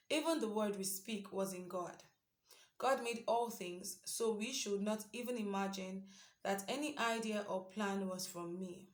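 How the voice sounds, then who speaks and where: Earnest young woman in a roomy space. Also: mid-range voice. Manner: earnest and conversational, thinking aloud. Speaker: devotional speaker. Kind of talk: casual devotional reflection. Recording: roomy echo.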